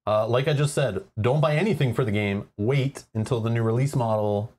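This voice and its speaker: A man speaks as the host of a livestream, chatting informally with viewers. His pitch is middling and his delivery is loose and conversational. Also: brisk, a little mellow. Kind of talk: casual livestream chat.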